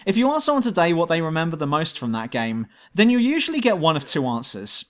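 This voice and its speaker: A man's voice: fairly high pitch, sing-song, quick pace. A man narrating a scripted video game review as host, blunt and sardonic.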